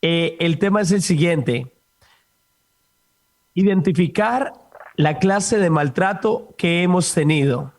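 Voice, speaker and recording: High-voiced priest speaking slowly. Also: male voice. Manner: calm, explanatory. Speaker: priest and host.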